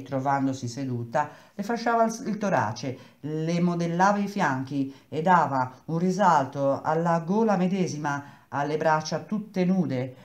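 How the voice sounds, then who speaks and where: A woman reading a novel aloud, acting out the dialogue with lively shifts in pitch. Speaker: reader. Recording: echoey room.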